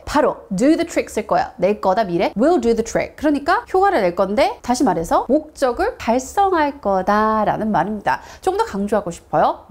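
A woman announcer teaching English phrases in a lively manner, saying the English slowly and clearly. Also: a little high. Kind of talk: English lesson.

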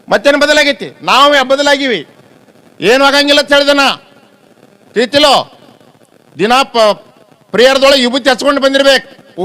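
A man with a North Karnataka Kannada accent delivers a sermon, telling stories and putting questions to his listeners. His voice sits very high and sounds bright and forceful. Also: low-quality recording. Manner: rhetorical questions to the audience, storytelling. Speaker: swamiji giving a public talk.

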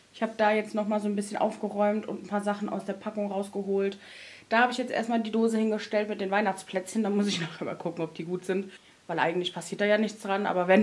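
In a medium-pitched voice, a young woman gives casual clean-with-me narration while tidying a small storage room at home. She laughs often and chats through each step, recorded by a wide-angle camera on a stand.

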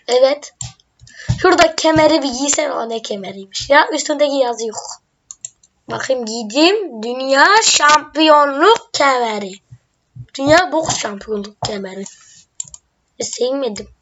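A woman's voice: high-pitched, muffled recording, slight background noise. A woman giving casual game commentary, playful and swearing jokingly. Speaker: gamer.

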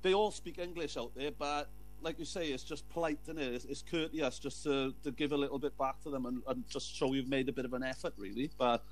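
A man's voice: mid-range voice, steady tone, brisk, rough recording. A man hosting a podcast in casual chat. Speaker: podcast host. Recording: clear background hum and noise.

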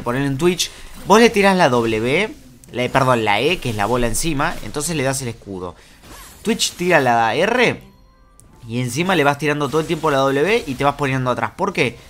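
A young Argentine man talks over his own match in a voice pitched a touch high, explaining each move in a rush. He stays excitable throughout and swears casually as the game unfolds. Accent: Argentine Spanish. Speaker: gaming YouTuber. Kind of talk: live gameplay commentary.

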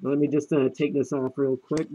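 A man's voice: medium pitch, level tone, moderate pace, dark tone. A man talking from inside a gas mask that muffles his voice, giving a casual, matter-of-fact review of the mask. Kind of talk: casual product review video. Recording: dull, muffled sound through a mask.

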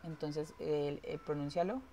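Woman english teacher, low gravelly voice, drags out words to show how they sound, bit of background hiss. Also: fairly even intonation, warm tone. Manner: repeats words slowly to model pronunciation; switches between English and Spanish. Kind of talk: online English class.

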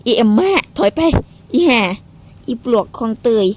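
A woman giving casual gameplay commentary, excitable and playfully swearing, squealing at her game. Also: on the high side, moderate pace. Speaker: game streamer.

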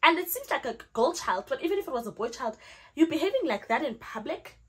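Talking fast in a voice that sits high, a young Zulu-speaking South African vlogger shares a storytime story. She animatedly performs her own lines while retelling it.

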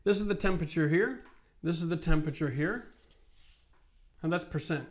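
Standing at a whiteboard on an indoor studio set, a Canadian renovation expert host in his forties explains home renovation through a lapel mic. His voice is a little high for a man, and though he sounds tired, he speaks at normal speed in an emphatic, animated way that builds into passionate rants.

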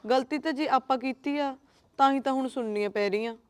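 A woman plays a loyal young wife with a Punjabi accent, quiet and earnest, wounded by her in-laws' taunts. Her voice sits high. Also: brisk, clear, resonant tone, natural voice. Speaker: young wife who eloped. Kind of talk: Punjabi short-film acting.

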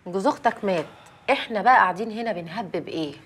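A woman's voice: medium pitch, very fast, a bit bright, slight background noise, natural voice. An actress playing a blunt woman, speaking with an Egyptian Arabic accent.

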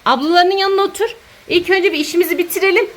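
A woman's voice: very high-pitched, fairly even intonation, fast, crowd noise. A woman in her thirties, a mother vlogging from her home kitchen, chatting to viewers and playfully scolding her children. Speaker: mother and channel host. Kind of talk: casual family vlog, talking to viewers.

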